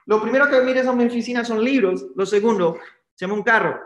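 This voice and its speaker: A man giving a live-streamed motivational training from his office, leading the viewers through a guided visualization and tagging nearly every sentence with a quick question. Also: extremely high pitch, a bit bright, echoey room.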